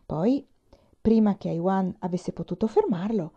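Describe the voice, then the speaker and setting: Female audiobook reader, measured and expressive, dark mellow tone, dull lo-fi sound. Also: medium pitch, slightly rough. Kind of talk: literary audiobook reading. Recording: dull lo-fi recording.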